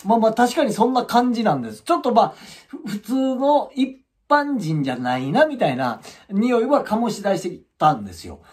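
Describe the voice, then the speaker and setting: A man's voice: high voice, brisk, hardly any pauses. A middle-aged man telling a story casually as a channel host, acting out the people in it. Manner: animated, acts out quoted voices.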